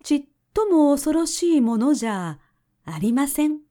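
A woman voicing a gentle, kindly farm horse in a storybook, with a thick, deep voice. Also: sing-song, a little slow. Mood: reassuring.

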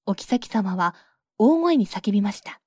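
A woman narrating a fairy tale in a calm, measured storybook reading. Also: mid-range voice, husky, no room sound, studio quality.

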